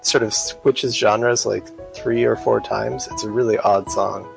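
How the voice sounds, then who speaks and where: A man chatting on a podcast in a relaxed way, with many fillers. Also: fairly low pitch, measured pace, creaky, over music, rough recording. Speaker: podcast co-host. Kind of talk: casual chat.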